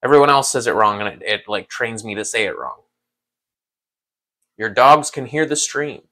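A man hosting a casual livestream who rambles in a relaxed way, laughs often and talks to his chat. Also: medium pitch, moderate pace. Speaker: livestream host.

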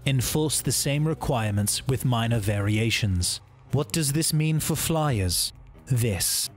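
A man reading a scripted explainer narration in a brisk, even manner. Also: mid-range voice. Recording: faint music bed behind voice.

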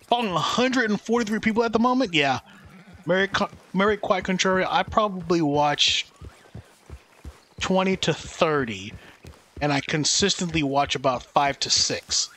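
A man's voice: high voice, normal speed, bright, forceful tone. A Texan man chatting loosely and joking while streaming a game, reading viewers' chat aloud. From Texas.

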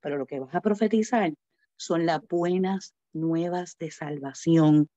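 Woman preacher, mid-pitched voice, lively storytelling sermon, dull dry recording. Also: no room sound. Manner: animated storytelling, acting out quoted voices.

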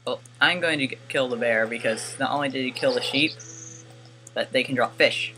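A man's voice: medium pitch, normal speed, music in the background. A man giving casual gameplay commentary, rambling and correcting himself with wry asides, recorded on a desk mic with faint hiss. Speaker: gaming YouTuber.

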